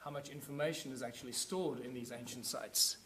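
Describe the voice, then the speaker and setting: A man's voice: mid-range voice, fairly quick, roomy sound, a crowd in the background, low-quality recording. A man giving a lecture with a hands-on demonstration, explaining in a loose, rambling way with fillers and restarts.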